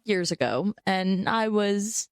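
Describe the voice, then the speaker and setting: A young woman in her twenties co-hosts a podcast in casual chat, her pitch bouncing all over as she tells a story. She laughs often, and the sound is dry and close. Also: animated, slow pace, no room sound. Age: 20s. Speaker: podcast co-host.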